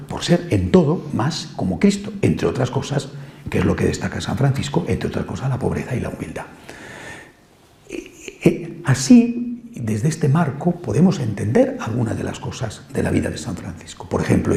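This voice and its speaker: A man preaching a sermon with a gravelly, mellow voice that swings widely in pitch. He builds fervently over repeated phrases, then drops low and quiet for emphasis. The sound carries the echo of a roomy space. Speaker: priest. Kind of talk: sermon teaching. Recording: echoey room.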